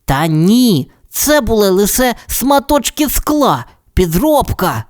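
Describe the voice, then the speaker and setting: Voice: medium pitch, very animated, a little slow, voice pushed up. A storyteller voicing a clever little male canary with a burred, lisping way of talking. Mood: rueful. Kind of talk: storybook character voice.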